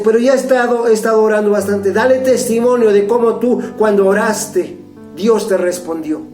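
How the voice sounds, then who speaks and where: A man's voice: sits high, a little mellow, echoey room. A man with a Mexican Spanish accent preaching a fervent, urgent sermon as pastor.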